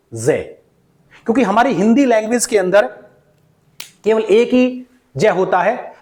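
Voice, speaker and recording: A man's voice: high voice, darkish tone. A man with an Indian English accent teaching pronunciation in mixed Hindi and English, calling his viewers "beta" and repeating each word several times. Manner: slow, repeats words many times for drilling.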